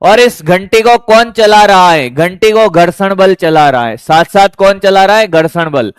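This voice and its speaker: A man's voice: high-pitched, measured pace, clean tone, no room sound. A man teaching physics to a class, often calling students "beta" and firing repeated check questions at them. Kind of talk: classroom lecture.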